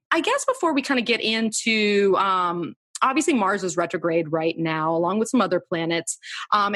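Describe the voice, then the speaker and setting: A woman's voice: medium pitch, fairly bright tone, no room sound. A woman hosting a podcast interview in a casual, effusive, meandering way. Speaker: podcast host.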